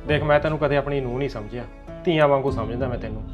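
An actor playing a gruff but kindly older father-in-law who scolds and bickers, with faint music behind. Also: medium pitch, racing, dull audio, lightly acted. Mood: grumbling, sympathetic. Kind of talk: amateur short-film acting.

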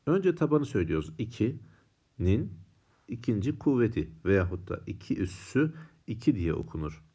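A man's voice: lowish voice, very animated, a little fast, warm tone, slightly rough. Patient man teaching a math lesson. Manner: patient, repeats and asks the students questions.

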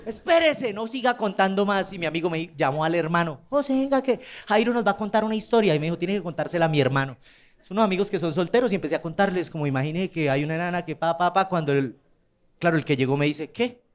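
On a comedy club stage, a man with a Colombian accent and a fairly high voice does stand-up. He talks fast, telling crude stories and putting on voices for the people he quotes.

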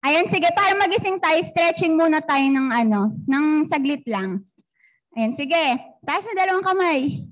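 A woman with a Filipino accent leading a youth fellowship warm-up, playful, coaxing the crowd and calling out cheers. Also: sits high, animated, measured pace.

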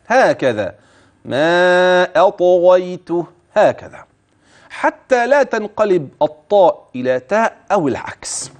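A man with an Egyptian accent teaching tajweed, slowly drawing out words to demonstrate pronunciation between explanations and asking the listener questions. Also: high voice, a little mellow. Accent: Egyptian Arabic. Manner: asks the listener questions and answers himself. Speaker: Quran recitation teacher. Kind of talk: tajweed lesson on a religious TV channel.

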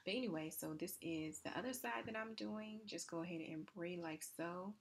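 A young woman chatting casually in a soft, low, near-whispered voiceover for a hair tutorial, with plenty of fillers. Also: moderate pace, husky. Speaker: hair vlogger. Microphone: voiceover mic.

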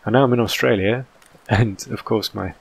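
A man's voice: lowish voice, fairly even intonation, normal speed, vocal fry, husky. A man in his thirties from England, whose British accent carries an American tinge, gives casual let's-play commentary, chatty and rambling with many "um"s. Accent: British English mixed with American. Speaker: gaming channel host.

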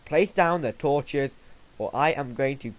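A streamer trading crude, joking threats. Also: male voice, mid-range voice, measured pace. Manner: swearing, mock-threatening banter. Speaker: livestreaming gamer. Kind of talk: casual gaming chat.

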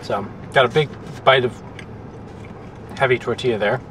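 A man's voice: medium pitch, steady tone, moderate pace, a bit bright. Casual male food reviewer talking while chewing, hesitant and rambling, a little distant from the mic. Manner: rambling, hesitant, many fillers. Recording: distant mic, faint traffic noise.

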